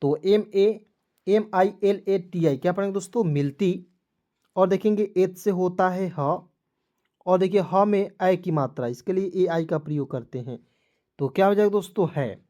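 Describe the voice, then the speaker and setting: An online English tutor walks viewers through a spelling lesson step by step, repeating each stage, calling them friends and checking in with "ठीक है." His voice is high and mellow at a normal pace, with lo-fi sound.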